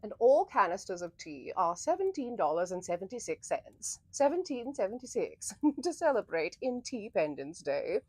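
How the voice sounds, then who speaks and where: A woman hosting an interactive story livestream in a theatrical, flowery old-fashioned manner, with a breathy voice. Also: medium pitch, sing-song, moderate pace, no echo.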